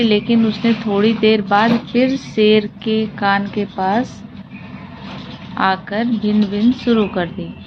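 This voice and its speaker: Woman teacher on a dull, hissy recording. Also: a little high. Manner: reads a passage, then retells it in simple words; asks and answers her own questions. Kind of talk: explaining a textbook story. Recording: dull lo-fi audio with clear hiss.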